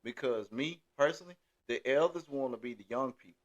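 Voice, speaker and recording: A man's voice: mid-range voice, brisk. A man hosting a casual chat, rambling with many restarts and filler phrases. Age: 30s. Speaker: podcast host.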